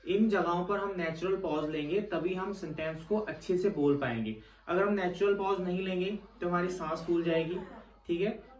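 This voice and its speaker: Male tutor, high register, patient step-by-step explainer; roomy, distant mic sound. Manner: explains step by step, repeats "theek hai" to check in. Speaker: test prep teacher. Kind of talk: classroom-style lesson. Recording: echoey room, mic set back.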